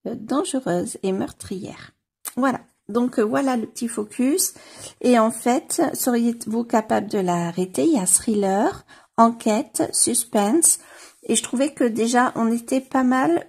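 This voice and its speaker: Slow, gravelly-voiced French woman chatting. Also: a little high, darkish tone. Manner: hesitant, many fillers and restarts. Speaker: book vlogger. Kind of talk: casual chat about books.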